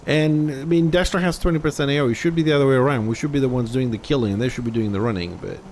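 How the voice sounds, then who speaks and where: A man's voice: mid-range voice, rapid-fire, darkish tone, a little hiss or hum. A man with a Greek accent streaming a game live, grumbling and swearing as he restarts his sentences. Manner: restarts and trails off mid-sentence. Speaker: gaming livestreamer. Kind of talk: casual live gameplay commentary.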